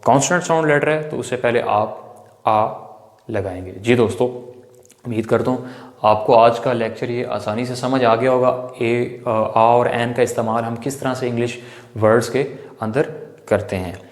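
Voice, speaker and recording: A male English teacher gives a step-by-step grammar lecture at a middle pitch. He keeps repeating points and asks his viewers questions before answering them. The sound is roomy, with a long reverb tail. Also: steady tone, normal speed. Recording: echoey room with long reverb.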